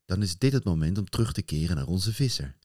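Male storyteller with a low voice, animated, building tension through a told folktale. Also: fast talker, no echo, studio quality. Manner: animated, building suspense with rising intensity.

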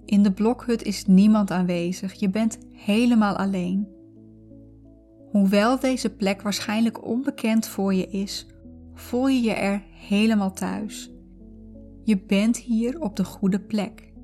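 A woman narrating a guided visualization in a calm, soothing, unhurried way. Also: medium pitch. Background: background music.

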